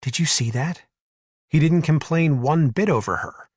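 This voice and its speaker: A man voicing a sharp-tongued, touchy young woman in an audiobook, indignant and quick to snap back. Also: fairly high pitch, husky, dry recording, studio quality, voice pushed up. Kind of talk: audiobook character voice.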